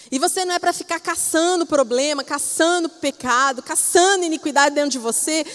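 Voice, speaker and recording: A woman pastor with a Brazilian Portuguese accent preaching a sermon expressively, moving between loud emphasis and soft, hushed passages. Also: high voice. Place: church. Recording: reverberant church hall.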